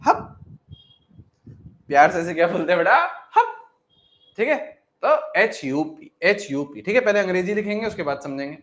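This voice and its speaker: Repetitive chemistry teacher, slightly high. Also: male voice, lively intonation, a bit bright. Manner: addresses students as beta, repeats every phrase, dictates notes slowly. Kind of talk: live online lecture.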